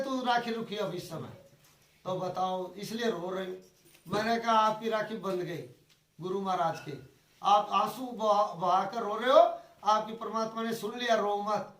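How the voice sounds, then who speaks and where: High-voiced preacher man, echoey hall. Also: a bit bright. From Rajasthan. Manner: storytelling, acting out dialogue. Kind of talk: devotional satsang talk. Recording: echoey from far off.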